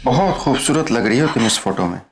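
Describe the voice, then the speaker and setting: A man's voice: medium pitch, animated, brisk, close to an everyday voice. A man playing a controlling, mock-sweet middle-aged husband and father in a TV crime drama, coaxing and taunting. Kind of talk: Hindi TV crime drama acting. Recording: music behind the voice.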